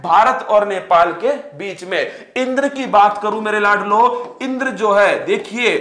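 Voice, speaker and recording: A man's voice: high-pitched, unhurried, fairly bright tone. A man teaching an exam-prep lecture with energy, firing rhetorical questions and calling his students playful pet names. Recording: echoey room.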